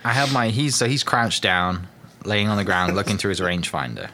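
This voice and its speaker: A man in relaxed casual chat, telling a golf story in an unhurried way. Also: fairly low pitch.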